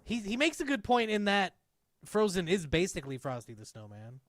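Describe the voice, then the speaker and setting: A man co-hosting a podcast in casual chat, trading dry, deadpan quips. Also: high-pitched, a little fast. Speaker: podcast co-host.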